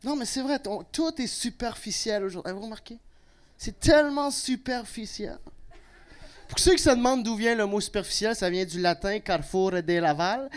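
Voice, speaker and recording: A young man with a Québécois accent works a comedy club crowd. His delivery is brash and full of swearing, and it jumps without warning from a low mutter into loud bursts. He talks into a handheld stage mic. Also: quick pace, hardly any pauses, clean tone. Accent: Québécois French. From Quebec. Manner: brash and profane, with sudden loud outbursts. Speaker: stand-up comedian. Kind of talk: stand-up comedy set.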